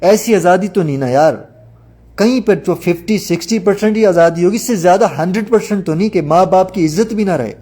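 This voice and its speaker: A man's voice: high voice, mellow, breathy edge. A man preaching a sermon, talking emphatically and putting rhetorical questions to his listeners.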